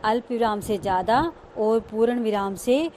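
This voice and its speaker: A woman's voice: fairly high pitch, fairly even intonation, moderate pace, darkish tone, a little hiss or hum. A woman school teacher giving a grammar lesson, explaining each term and repeating key words.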